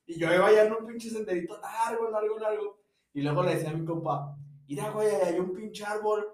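High-voiced and fast, a young Mexican man with a Mexican Spanish accent laughs through a slangy vacation story on a podcast he co-hosts, imitating what his friends said. He's recorded from a distance in an echoey room.

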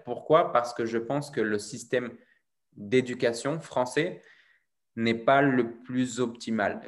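A man from France who teaches French, talking casually and explaining his views with frequent restarts. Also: medium pitch. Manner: thoughtful, explaining with many restarts. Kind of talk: casual conversation.

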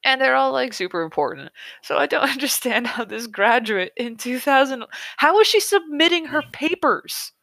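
A woman's voice: sits high, lively intonation, moderate pace, creaky, a bit bright, no room sound. A woman hosting a casual talk show who reads a novel aloud and rants about it with sarcasm and heavy swearing. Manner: profane, sarcastic, ranting. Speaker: podcast host reading a novel aloud. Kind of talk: casual chat and dramatic reading.

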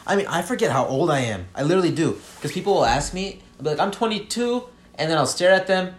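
A man's voice: fairly high pitch, animated, fast talker. Twenty-something guy cracking jokes on a podcast, echoey room, a little hiss behind. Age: 20s. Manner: joking, teasing. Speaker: podcast co-host. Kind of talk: casual chat.

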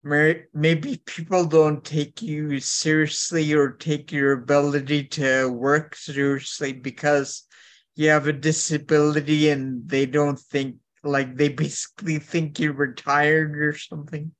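A man's voice: fairly high pitch, level tone, unhurried. A man hosting a casual interview, asking tentative questions. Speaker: host.

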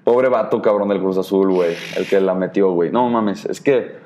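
A man's voice: deep voice, moderate pace, slight background noise. A young man with a Mexican Spanish accent hosting a podcast, chatting casually and telling stories in slangy, profane speech full of fillers. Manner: slangy and profane, animated storytelling with many fillers. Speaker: podcast host. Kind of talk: casual chat.

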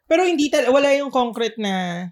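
A man's voice: very high-pitched, animated, normal speed. A man co-hosting a casual podcast, telling long rambling stories and mixing English words into his Tagalog. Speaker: podcast co-host.

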